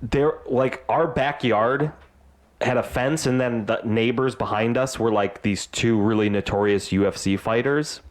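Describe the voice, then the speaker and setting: A man's voice: medium pitch, unhurried. Rambling man telling a story. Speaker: podcast co-host. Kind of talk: casual chat.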